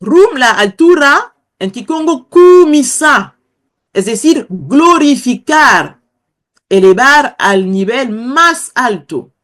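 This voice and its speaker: A woman guest professor explaining word origins in an interview, slow and hesitant, often searching for words. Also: high-pitched, animated, a bit bright. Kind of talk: explaining a language lesson.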